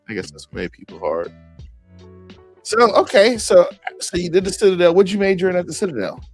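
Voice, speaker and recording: Slangy, laughing man hosting a podcast. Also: medium pitch. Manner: slangy, animated storytelling with frequent laughs. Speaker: podcast host. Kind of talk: casual chat.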